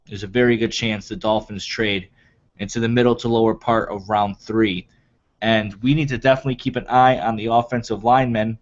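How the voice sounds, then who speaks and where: Chatty man co-hosting a draft show. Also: medium pitch. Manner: chatty, reads off picks. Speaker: co-host of draft podcast. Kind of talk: casual sports talk. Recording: dull lo-fi recording.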